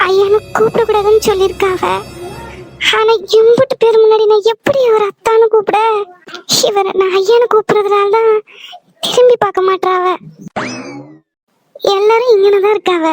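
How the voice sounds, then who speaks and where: Feisty young village wife, sharp tongue, very high pitch, dry booth sound; woman voices her. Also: steady tone, moderate pace, long pauses, no room sound, soft background music. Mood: fretful. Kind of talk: cartoon voice acting.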